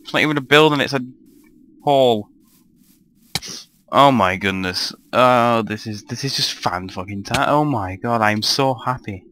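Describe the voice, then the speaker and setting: A man's voice: medium pitch, a little slow, pushed and bright, slight background noise. A young man giving rambling, grumbling commentary over his own gameplay, often swearing to himself. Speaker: gamer narrating a let's play.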